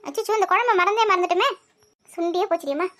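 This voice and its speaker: A woman voicing a tired, grumbling old grandmother with an aching back, talking soft and low in a comic family skit. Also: quick pace, a little hiss or hum. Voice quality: soft and low, muttering to herself.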